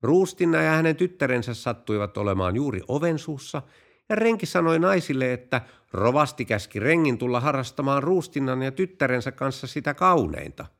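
Guy hosting a joke podcast, deadpan but really lively pitch. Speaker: podcast host. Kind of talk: joke telling.

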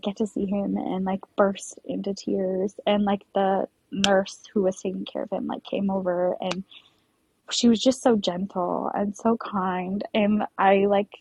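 A woman's voice: mid-range voice, a little mellow, breathy edge, no echo, low-quality recording. A young woman telling her personal story as a podcast guest, emotional and full of "like" fillers. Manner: emotional, heavy use of "like" fillers.

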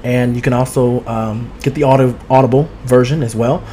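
Male podcast host, mid-pitched, sassy gossip chatter, streaming from home. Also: steady tone, normal speed, warm tone, a little hiss or hum. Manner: sassy, outspoken, swears freely; talks straight to listeners. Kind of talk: casual gossip chat. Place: home studio. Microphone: streaming with two cameras.

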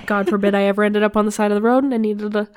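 A podcast co-host in her twenties from Ontario, Canada tells stories in casual chat, saying "like" often, her nose stuffed up. She speaks at a racing pace and flat delivery, with a medium-pitched, darkish, resonant voice, recorded clearly.

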